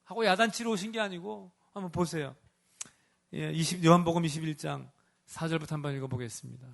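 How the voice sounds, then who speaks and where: A man's voice: a little high, fast, gravelly, a bit bright. A man preaching a sermon as pastor, emphatic and full of rhetorical questions. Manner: acts out scripture figures in his own voice.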